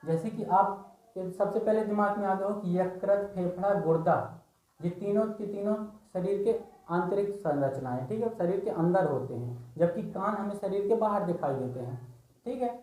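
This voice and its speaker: A man teaches an exam-prep reasoning class, his voice warm and relaxed. He explains each answer step by step, pausing often to check that his students are following. The recording has a noticeable room echo. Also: high voice. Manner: explains step by step with frequent "theek hai" checks.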